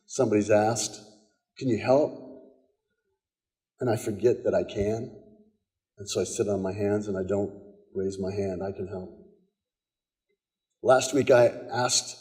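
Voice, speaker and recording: With a fairly low, slightly mellow voice and fairly even intonation, an American pastor preaches unhurriedly, pausing often. His conversational sermon features stories with quoted dialogue and frequent repetitions, recorded in a church sanctuary with long hall reverb.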